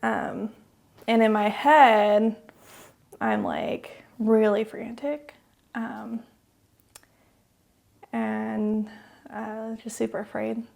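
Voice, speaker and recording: Halting woman with a gravelly voice. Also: a little high, animated, darkish tone. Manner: halting, many fillers, drops to a whisper at hard moments. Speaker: podcast co-host. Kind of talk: personal storytelling.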